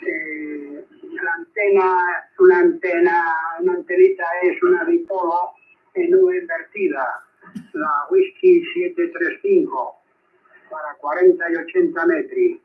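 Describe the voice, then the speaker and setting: High-pitched man on a thin radio signal. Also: expressive, narrow, tinny audio. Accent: Spain Spanish. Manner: halting, repeats words and figures, frequent check-ins. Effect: radio transmission. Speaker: amateur radio operator. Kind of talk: ham radio contact, spelling out call signs.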